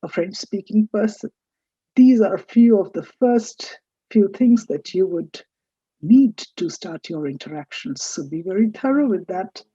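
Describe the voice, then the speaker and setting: A woman teaching French in a recorded lecture, saying each letter slowly and stressing its sound. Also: medium pitch, lively intonation, mellow, slightly rough, dry recording, muffled recording.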